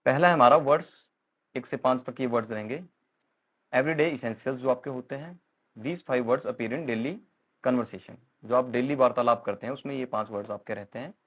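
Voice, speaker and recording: Speaking at normal speed and medium pitch, a man with an Indian accent patiently teaches English pronunciation in a Hindi-English mix, repeating words and using many fillers. The audio has its highs cut off.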